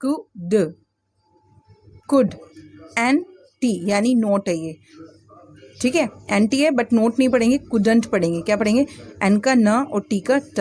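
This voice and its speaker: Slow, patient woman teaching English. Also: a little high, a little mellow. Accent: Indian English. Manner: slow, patient, spells words letter by letter and asks questions; often checks in with "theek hai?". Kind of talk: spoken English lesson for children in Hindi.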